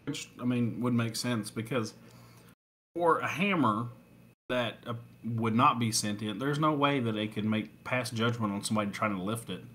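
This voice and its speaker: A man's voice: mid-range voice, normal speed, sharp tone. A man co-hosting a podcast, chatting casually and thinking his points through. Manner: easygoing, reasoning aloud with fillers. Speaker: podcast co-host. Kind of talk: casual chat.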